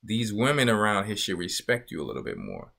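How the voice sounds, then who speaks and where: His fairly low, gravelly voice swoops wildly in pitch, moving a little fast with a sharp tone. The man, a church elder, gives an emphatic, repetitive Bible lesson in a sermon style, frequently asking "you see" to make sure his point lands.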